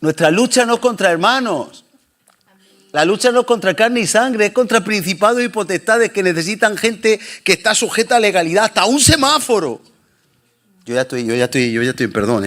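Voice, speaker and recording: A man preaching a sermon as pastor, swinging between loud and soft passages. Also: high-pitched.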